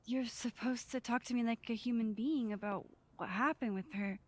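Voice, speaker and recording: An actress playing a curious young woman who investigates, direct and probing, with a breathy voice. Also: on the high side, normal speed, close to an everyday voice.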